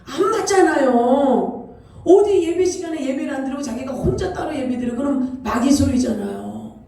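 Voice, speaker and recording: A woman pastor preaching a sermon, telling a story with animated delivery and often putting questions to the congregation. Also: sits high, moderate pace, gravelly. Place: church sanctuary. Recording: echoey church hall, distant mic.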